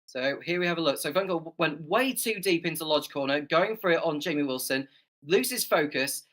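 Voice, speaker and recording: A man's voice: a little high, expressive, normal speed, fairly bright tone. A man doing live race commentary as a motorsport commentator working alongside a partner.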